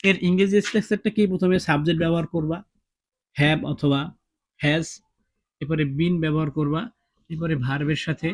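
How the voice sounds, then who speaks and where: High-voiced man teaching English grammar. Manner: asks students questions and repeats points. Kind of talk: classroom-style grammar lesson.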